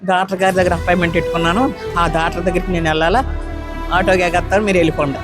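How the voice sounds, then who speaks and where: A woman's voice: on the low side, level tone, rapid-fire, over music. A woman in her nineties, an elderly petitioner, giving a long, pleading account of her grievances in an interview. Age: 90s. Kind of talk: emotional interview testimony.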